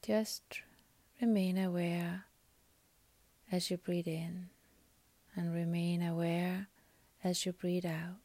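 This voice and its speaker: A woman guiding a meditation in a soft, breathy, half-whispered, calming voice, speaking in short phrases with long pauses. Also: on the low side, dry recording. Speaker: meditation guide. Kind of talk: guided meditation.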